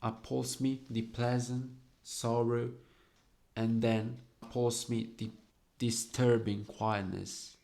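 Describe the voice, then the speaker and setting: A young man slowly explaining the devices in his own poem, lingering over each quoted verse word. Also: mid-range voice, little pitch movement, vocal fry, a little mellow. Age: young adult.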